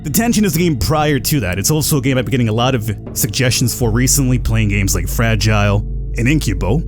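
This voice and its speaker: A man's voice: mid-range voice, darkish tone. A man hosting a gaming video with casual, slangy, laid-back commentary, sometimes reading on-screen text aloud.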